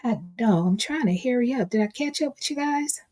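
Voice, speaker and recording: Chatty woman live-streamer with a mellow voice. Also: fairly high pitch, expressive, normal speed. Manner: chatty, calls viewers baby and honey. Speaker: livestream host reading chat. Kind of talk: casual live-stream chat.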